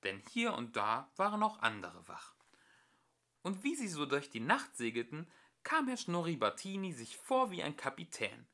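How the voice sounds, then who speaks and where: Reading a children's story at a moderate pace, this amateur male narrator has a bright, forward tone. His pitch moves expressively and with plenty of life from line to line.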